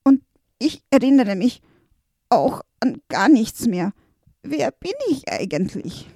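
A woman's voice: big pitch swings, takes it slowly, dark tone, breathy edge, dry recording, clean studio sound, exaggerated voice. A woman doing a frantic little note creature. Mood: confused. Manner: pleading, panicky, high-pitched.

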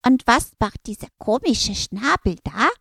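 A woman voicing a curious, eager young male quarter-note in a raised, higher voice. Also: expressive, a little slow, gravelly, pushed and bright, husky, dry recording, studio quality, heavily acted.

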